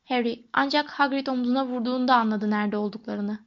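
A woman narrates an audiobook in an even, measured storytelling manner. Her voice sits fairly high. The recording sounds dull and lo-fi.

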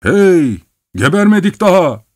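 A man voicing a rough, hot-tempered man who curses and blusters in an audiobook reading. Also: medium pitch, expressive, normal speed, no room sound, studio quality, voice pushed up, close to an everyday voice. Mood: angry. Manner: cursing, blustering. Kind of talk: audiobook character voice.

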